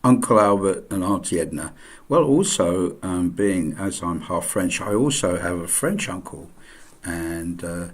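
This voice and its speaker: Deep-voiced middle-aged guy, slow rambly chat w lots of ums. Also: expressive. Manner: rambling, many ums and uhs, friendly. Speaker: vlogger. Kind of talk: casual chat to camera.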